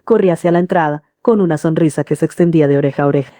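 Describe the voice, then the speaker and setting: A middle-aged woman reads a first-person story in a calm, earnest manner. Her voice is low and dark-toned. The recording is close and dry. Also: rapid-fire, dry recording. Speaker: narrator. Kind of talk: scripted first-person narration.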